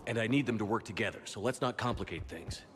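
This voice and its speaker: An actor playing a resolute, decisive space-military commander in a video game. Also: male voice, lowish voice, quick pace, a bit bright, close to an everyday voice. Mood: determined. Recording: very noisy game battle audio.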